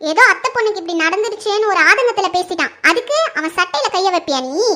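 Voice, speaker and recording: A woman's voice: very high-pitched, expressive, fast talker, noisy background. A woman playing a protective mother who defends her son in a family drama. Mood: defensive. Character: protective middle-aged mother.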